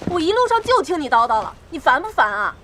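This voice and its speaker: A woman's voice: high voice, very animated, quick pace. An actress playing a headstrong female army reporter who talks boldly and scolds. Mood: determined. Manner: bold, insistent, scolding. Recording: drama audio with music behind.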